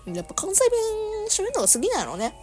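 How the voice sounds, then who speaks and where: Young woman, Kansai accent, solo radio chat, animated swooping pitch, faint music underneath. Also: fast. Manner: chatty, laughs often, frequent self-corrections. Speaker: podcast host.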